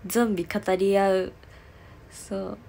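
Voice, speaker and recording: A woman's voice: mid-range voice, fairly even intonation, unhurried, creaky, dark tone, slight background noise. A young woman livestreaming as an idol, chatting casually in a giggly, rambling way with lots of fillers.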